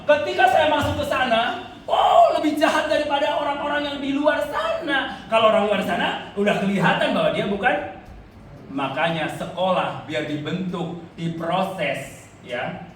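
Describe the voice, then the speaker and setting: A man's voice: sits high, expressive, moderate pace, a bit bright, slight background noise. Man preaching in a very echoey church. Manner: colloquial, joking, keeps addressing the congregation. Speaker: evangelist preaching. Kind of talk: sermon. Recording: echoey church hall, mic far off, faint ambience.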